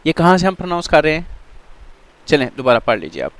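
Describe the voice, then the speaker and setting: A man teaching tajweed in an online Quran reading lesson, drawing out letter sounds slowly and often checking that students follow. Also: on the high side, big pitch swings, clear, resonant tone, no room sound. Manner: slow drawn-out letter drills with frequent check-ins.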